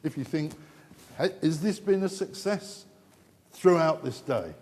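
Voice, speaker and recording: A man's voice: fairly high pitch, animated, unhurried, darkish tone. A man moderating a conference panel, wrapping up with rambling, chatty remarks that often restart mid-sentence. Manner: rambling, chatty, self-interrupting. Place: conference hall. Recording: long hall reverb.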